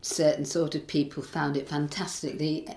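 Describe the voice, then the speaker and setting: An older woman recounts her memories in an oral history interview, her low voice thoughtful and halting. She fills gaps with "um" and starts over mid-sentence. The room around her rings with noticeable echo. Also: little pitch movement, a little mellow, slight background noise. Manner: reflective, hesitant, with many fillers and restarts. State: tearful at times. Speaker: interviewee recalling a protest camp.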